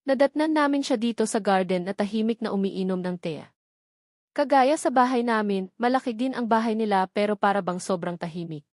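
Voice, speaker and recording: A woman with a Filipino accent narrates a scripted first-person romance novel for an audiobook. Her medium-pitched voice is a little mellow, recorded at studio quality with no echo.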